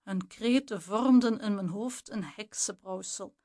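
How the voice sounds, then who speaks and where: A woman reading a youth novel aloud as narrator, in a measured, deliberate storytelling manner. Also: mid-range voice, dark tone.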